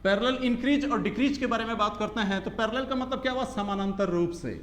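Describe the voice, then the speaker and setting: High-voiced male teacher drilling phrases. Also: fairly bright tone. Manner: repeats phrases, asks rhetorical questions, drills slowly. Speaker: English grammar teacher. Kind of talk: coaching class lecture. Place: coaching classroom. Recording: echoey classroom.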